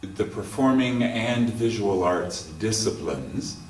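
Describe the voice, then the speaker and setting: A man who teaches music at a college speaks in an interview, measured and pausing often with ums. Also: fairly low pitch, lively intonation, darkish tone. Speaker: college music professor and choir director. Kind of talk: interview monologue. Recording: roomy sound from a distant mic.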